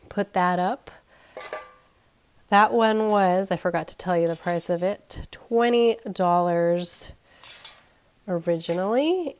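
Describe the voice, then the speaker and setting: Off-screen while the camera looks down at items on her carpeted floor at home, an unboxing vlogger in her thirties talks in a mid-range, slightly mellow voice. Still nasal and crackly from being sick, she chats casually, thinks aloud and is self-deprecating.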